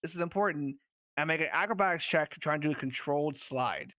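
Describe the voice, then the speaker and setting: Excitable guy at a d&d table, laughy, kinda high voice. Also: fast, no room sound, low-quality recording. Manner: animated, laughing, theatrical. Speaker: player. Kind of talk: casual tabletop chat.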